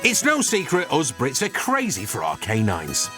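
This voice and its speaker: A man's voice: mid-range voice, wildly swooping pitch, moderate pace. A British man delivering cheeky scripted documentary narration with playful, teasing asides. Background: music.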